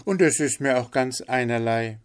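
A man voicing a calm male linnet bird in a storybook reading, mild and composed. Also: medium pitch, normal speed, smooth, pitched above the performer's own voice, close to an everyday voice.

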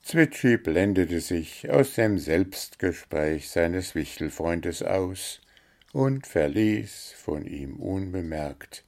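A man reads a children's story aloud in a calm narrating voice. He speaks slowly with a gravelly, creaky texture. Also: deep voice.

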